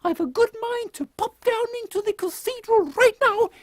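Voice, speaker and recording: Very high-pitched, imperious queen, Victoria. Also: normal speed, dry recording, clean studio sound. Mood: brisk, imperious. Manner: haughty, scolding, formal old-fashioned phrasing. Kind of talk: comic audio drama acting.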